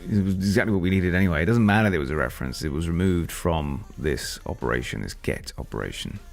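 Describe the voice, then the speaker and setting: A man's voice: sits low, expressive, quick pace, gravelly, faint music behind. A man thinking aloud and rambling as he codes on a casual live stream. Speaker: software developer live-streaming.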